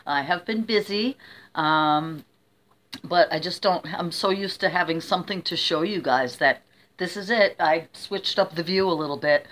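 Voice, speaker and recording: A woman's voice: fairly low pitch, normal speed, a bit bright. A middle-aged woman with a mild cold, sounding a bit under the weather as she rambles casually to her viewers, often interrupting herself. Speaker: vlogger.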